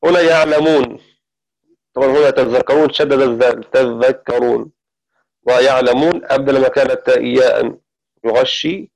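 Guy teaching quran readings to a class, steady and explanatory, middle-pitched voice, backs up to fix himself. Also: brisk, poor audio. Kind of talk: methodical classroom lecture.

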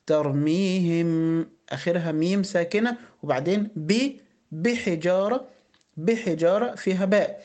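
A man's voice: high voice, darkish tone. A man with an Egyptian Arabic accent teaching Quran recitation rules, explaining patiently and asking rhetorical questions. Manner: explains patiently, asks rhetorical questions, draws out words slowly. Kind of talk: tajweed lesson with slow recitation.

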